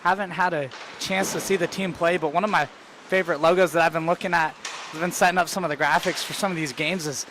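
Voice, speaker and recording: A man's voice: on the high side, steady tone, quick pace, fairly bright tone, a little hiss or hum. A man calling live play-by-play for an amateur hockey game, matter-of-fact as he follows the action. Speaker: play-by-play commentator.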